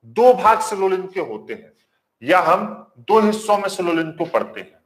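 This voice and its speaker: Speaking at normal speed, a high-voiced man whose pitch swings widely runs a live online reasoning class. Warmly greeting viewers, he goes over every point twice and quizzes them, with the sound of a marker on a whiteboard in the background.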